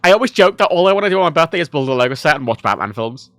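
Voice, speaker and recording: A drunk male streamer, born in Ireland and raised in England, rambling loosely and cursing freely. His voice is bright and sharp, with a pitch that swoops up and down all the time. The sound is dry and close, with no room around it. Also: animated, very fast, no room sound. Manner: self-deprecating, swears a lot, rambling. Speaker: livestreamer. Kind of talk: casual rambling stream chat.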